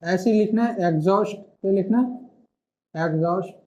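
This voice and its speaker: A man's voice: high-pitched, a little slow, mellow. A male shorthand teacher giving an online classroom lesson, explaining patiently and stopping often to ask and answer his own questions. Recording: muffled lo-fi recording.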